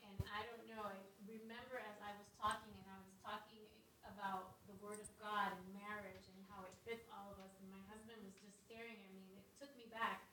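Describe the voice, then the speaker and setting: A pastor's wife telling a personal story at a convention, animated and acting out the lines she quotes. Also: medium pitch, fairly quick, hardly any pauses. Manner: animated, acts out quoted dialogue. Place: convention hall. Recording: echoey hall mic from a distance with crowd noise.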